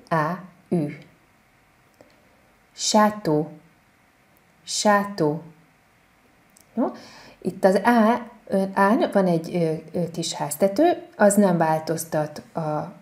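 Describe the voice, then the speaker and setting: A woman French teacher giving an online lesson, patient and repeating each example word slowly. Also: fairly low pitch, dark tone.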